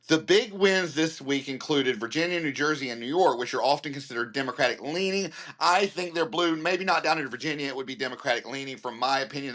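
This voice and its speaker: A man hosting a news commentary show, reading headlines and breaking into animated, emphatic opinionated asides. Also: a little high. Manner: animated, ranting asides between read headlines; excitable, gets worked up and emphatic.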